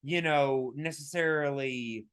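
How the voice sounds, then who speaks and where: A man co-hosting a podcast in casual chat, his voice raspy, talking emphatically with many fillers and restarts. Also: on the high side, unhurried, a bit bright. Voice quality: raspy today. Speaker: podcast co-host.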